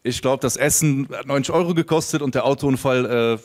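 A young man talks to a seminar audience on a microphone, loose and conversational, leaning on plenty of ums and uhs. His pitch sits in an ordinary middle register for a man, and he tells stories as though chatting with friends in the room. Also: a little fast, slight background noise. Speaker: seminar speaker. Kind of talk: live seminar talk to an audience.

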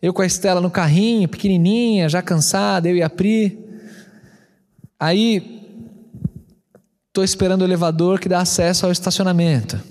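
A pastor, telling a personal story in an animated sermon and acting out both sides of a quarrel. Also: male voice, high voice, moderate pace, pauses often, long reverb tail.

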